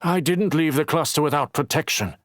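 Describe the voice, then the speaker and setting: A man's voice: fairly high pitch, normal speed, no echo, clean studio sound, voice pushed up, lightly acted. A man narrating an audiobook voices an injured, determined man who talks earnestly, teases, and snaps back. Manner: earnest, teasing, snappish.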